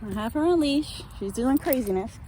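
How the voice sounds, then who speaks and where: A high-pitched, mellow female voice with lively intonation speaks at a normal speed. She's walking and handling her dog, casually explaining training tips to the camera like an owner would. The handheld camera microphone gives a noisy recording.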